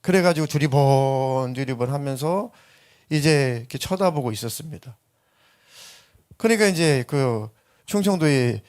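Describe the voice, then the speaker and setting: Lively pastor, man preaching. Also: medium pitch. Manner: lively storytelling, acts out voices in anecdotes. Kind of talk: sermon.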